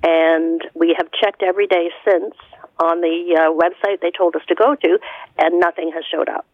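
A woman's voice: on the low side, fairly even intonation, dry recording. Older woman calling in on a phone line. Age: 70s. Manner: frustrated, halting. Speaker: caller. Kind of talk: phoning in to a radio show.

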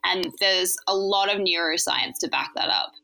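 A woman casually explaining the neuroscience behind feelings, in a relaxed chat with many fillers. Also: lowish voice, moderate pace, gravelly, rough recording.

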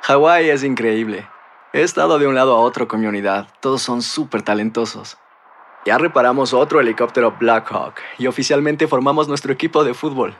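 A young man delivers a scripted radio ad in a cheerful, chatty tone, as if calling home. His voice is mid-pitched. A faint hiss sits under it. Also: fairly quick, fairly bright tone. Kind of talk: scripted ad monologue.

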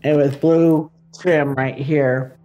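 Slow-talking woman recalling the past. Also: deep voice, fairly even intonation, warm tone. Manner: slow, plain-spoken recounting with fillers. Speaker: interviewee, mother recalling events. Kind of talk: personal recollection interview.

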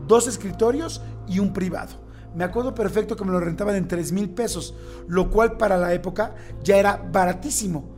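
High-voiced Mexican man chatting. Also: fairly quick, soft background music. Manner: expressive, exclaiming reactions. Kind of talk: casual conversation.

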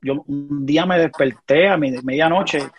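A man's voice: fairly high pitch, normal speed, soft background music. A middle-aged man with a Puerto Rican accent, a guest telling a personal story in casual conversation, earnest and often checking in with the listener. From Puerto Rico.

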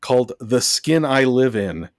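A man co-hosting a casual podcast chat, wry and deadpan, who swears casually as he lays out his picks. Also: mid-range voice, unhurried, no echo, studio quality. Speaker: podcast co-host.

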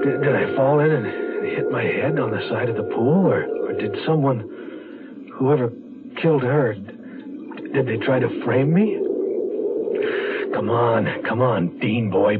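A stammering weary investigator. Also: male voice, mid-range voice. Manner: flustered, stammering. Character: weary hard-drinking male insurance investigator. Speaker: detective narrator. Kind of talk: 1970s radio drama acting. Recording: tinny old radio broadcast with music.

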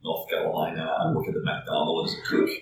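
Deep-voiced French-accented man, echoey room. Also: sing-song, fairly quick, vocal fry. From France. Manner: reflective, repeats words, many fillers. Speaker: startup founder and guest. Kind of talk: casual interview conversation. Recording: echoey room, distant mic, faint noise.

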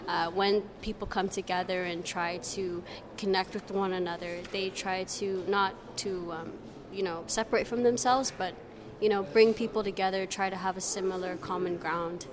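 A woman's voice: mid-range voice, steady tone, normal speed. A young woman from Canada answering interview questions in a hesitant, casual way, full of ums and uhs. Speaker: festival visitor interviewed. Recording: crowd chatter at a festival.

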